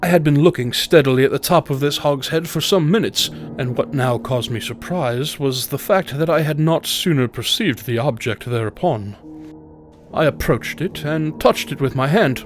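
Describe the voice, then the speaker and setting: A man playing a tormented narrator confessing dark deeds in a theatrical, formal, deliberate reading of a gothic horror story. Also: fairly high pitch, lightly acted. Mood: intent. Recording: music behind the voice.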